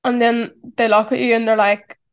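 Her voice is fairly high, level and smooth, moving at an ordinary speed. A twenty-something Irish woman with a heavy accent, she hosts a relaxed solo podcast where she reflects, chats, and drops "like" into nearly every line.

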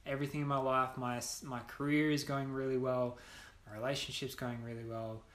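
A man's voice: mid-range voice, little pitch movement, brisk, a bit bright. A young man, a podcast guest, telling a personal story candidly, bluntly and with frequent swearing. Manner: blunt, swears freely, many restarts. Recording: roomy echo.

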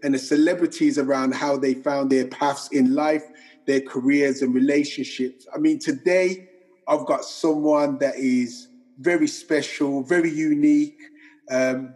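A man's voice: on the high side, darkish tone. Friendly man hosting a podcast. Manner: friendly, rambling questions with fillers. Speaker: podcast host. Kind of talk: interview hosting.

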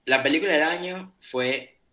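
A man's voice: on the high side, moderate pace, sharp tone. A man in a casual group chat about films, enthusiastic and repeating his praise.

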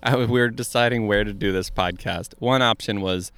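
A man's voice: fairly low pitch, normal speed, a bit bright, clear, resonant tone. A man co-hosting a podcast in a joking, casual chat outdoors, laughing often. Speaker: podcast co-host.

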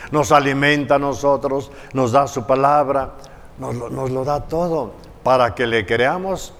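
A man preaching a sermon, slow and emphatic, building on repeated phrases. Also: mid-range voice. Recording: long church reverb.

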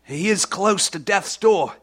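Man doing a calm mysterious elder, high-ish voice, slow and knowing. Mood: solemn. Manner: measured, solemn, knowing. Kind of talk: live audio drama acting.

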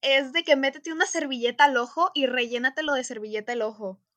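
A woman's voice: high voice, fast talker, fairly bright tone, no room sound. A young adult woman with a Mexican accent, a guest in a casual podcast chat, complaining in an exaggerated, joking way. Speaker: guest, makeup artist.

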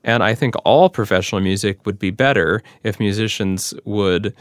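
An American man with a smooth, resonant and fairly low voice speaks as an interview guest. He explains things directly and earnestly in a conversational style. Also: moderate pace, no echo, studio quality. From near Cleveland, United States. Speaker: professional singer, interview guest.

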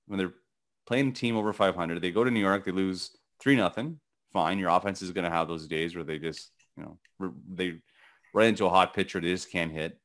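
Gravelly-voiced man rambling about sports. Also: deep voice, a bit bright. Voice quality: gravelly morning voice. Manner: rambling, halting with many restarts and fillers. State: voice cracking. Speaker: podcast co-host. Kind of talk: casual sports podcast chat.

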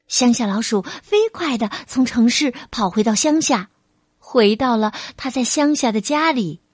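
Slow, gentle woman storyteller. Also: on the high side, animated, husky, no room sound, studio quality. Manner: gentle and unhurried. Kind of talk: storybook reading for children.

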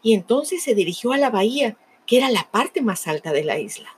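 A woman narrating a fable in a dramatic, emotive way, with lingering pauses. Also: fairly high pitch, big pitch swings, a little hiss or hum. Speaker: storyteller.

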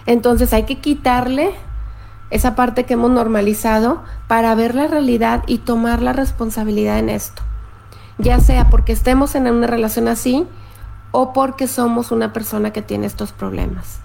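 Woman with a gravelly voice. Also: fairly high pitch, steady tone, normal speed. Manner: warm, explanatory, reads viewer comments aloud. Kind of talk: live-stream talk to viewers.

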